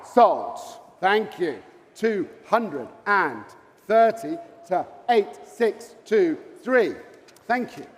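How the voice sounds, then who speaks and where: High-voiced male auctioneer in a reverberant hall. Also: sing-song, very slow, slight background noise. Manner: repetitive chant of bids, courteous asides to bidders. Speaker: fine art auctioneer. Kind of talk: live auction bid-calling.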